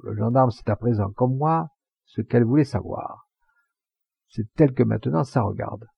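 A man's voice: mid-range voice, moderate pace, gravelly, slightly rough, dry recording, muffled recording, full character voice. A man voicing a vengeful giant charcoal burner in a storybook reading, speaking in threats. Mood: gloating.

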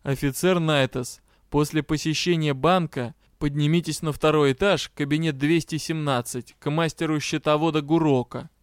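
A man voicing a formal male magistrate who gives measured instructions. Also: a little high, fairly even intonation, clear, resonant tone, no room sound, studio quality, close to an everyday voice.

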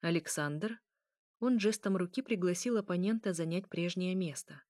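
A woman narrating a story in a measured, even reading voice. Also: on the low side, no echo, studio quality. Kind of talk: audiobook narration.

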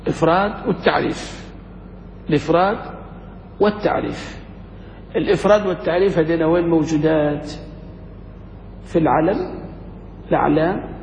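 A man's voice: on the high side, vocal fry. Man quizzing students in a hall. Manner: quizzes students with rapid questions. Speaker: sheikh teaching Arabic grammar. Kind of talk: classroom lesson with questions to students. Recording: dull lo-fi recording in a reverberant hall with faint noise.

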